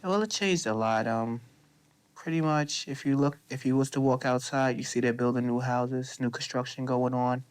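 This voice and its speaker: A man's voice: mid-range voice, normal speed, clean tone. A thirty-year-old man, speaking plainly and matter-of-factly in a documentary interview. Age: 30s. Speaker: interviewee, local resident.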